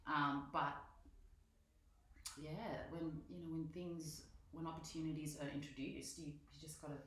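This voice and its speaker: A woman with a low, bright, forceful voice chats casually as an interview guest. She laughs easily and fills her talk with "you know" and "like". She sounds very echoey, with faint noise in the room. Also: level tone, unhurried. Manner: laughs easily, chatty with many fillers. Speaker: guest performer.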